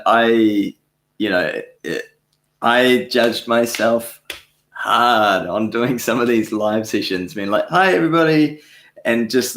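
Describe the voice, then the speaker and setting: Male streamer host, lower voice, loose rambling delivery with frequent chuckles, roomy echo. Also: a bit bright. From New Zealand. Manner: rambling, self-correcting, chuckles often. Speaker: livestream host answering viewer questions. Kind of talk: casual live Q&A chat. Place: home studio.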